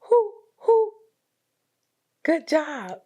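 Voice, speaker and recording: A woman with a very high, very animated voice and a dark tone reads a picture book aloud to very young children. She speaks very slowly, in a sing-song, encouraging style meant for toddlers.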